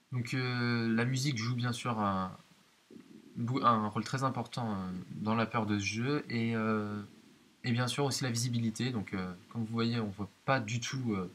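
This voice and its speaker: A man's voice: medium pitch, fairly bright tone. Hesitant man narrating gameplay, hissy recording. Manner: hesitant, explanatory, addresses viewers directly. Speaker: video game commentator. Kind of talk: let's-play commentary of a horror game.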